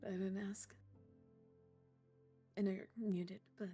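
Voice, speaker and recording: A woman's voice: medium pitch, little pitch movement, slow pace, dark tone, soft background music. A woman chatting casually on a live stream into a desk mic, giggly and modest. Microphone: desk microphone.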